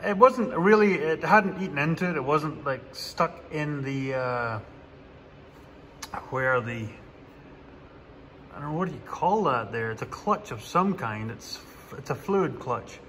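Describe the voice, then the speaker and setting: A man's voice: a little high, unhurried, fairly bright tone, in a large hall, slight background noise. A man, a farmer doing his own repairs, talking casually through the job in a plainspoken way with dry sarcastic humor, recorded in a farm workshop. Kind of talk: casual how-to vlog narration.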